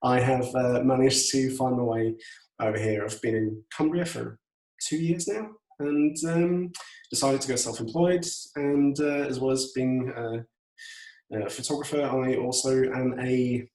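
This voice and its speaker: A middle-aged photographer from Yorkshire, England, speaks with an English accent as a podcast guest in casual interview chat, hesitant and thoughtful. His voice is medium-pitched, darkish and unhurried with fairly even intonation, and the recording sounds roomy and distant from the mic.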